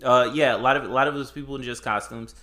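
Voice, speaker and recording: A man's voice: mid-range voice, steady tone, fast talker, pushed and bright. A man co-hosting a casual film chat, speaking emphatically and repeating words for stress. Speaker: podcast co-host.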